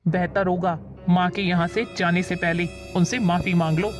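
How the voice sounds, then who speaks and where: A woman's voice: lowish voice, flat delivery, normal speed, music in the background, close to an everyday voice. A woman voicing a calculating younger son. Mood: placating. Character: selfish younger son, worried husband.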